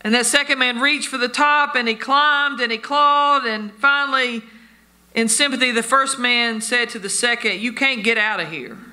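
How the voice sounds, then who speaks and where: A man's voice: very high-pitched, fairly even intonation, normal speed, pushed and bright, slight background noise. A man preaching a sermon, telling stories and addressing his listeners as friends. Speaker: pastor.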